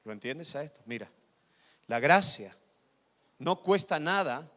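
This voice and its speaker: Man, pastor, sermon, bright forceful voice, long church-hall reverb. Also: a little high, animated, measured pace. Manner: swings from loud emphatic preaching to quiet intimate asides; asks the congregation if they follow.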